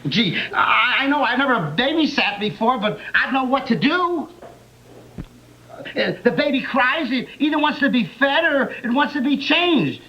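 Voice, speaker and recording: An actor playing a naive, nervous young man who stammers and rushes, eager to prove he can babysit. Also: very high-pitched, animated. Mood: eager, flustered. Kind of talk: 1960s sitcom acting. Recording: dull old TV audio with hiss and studio audience.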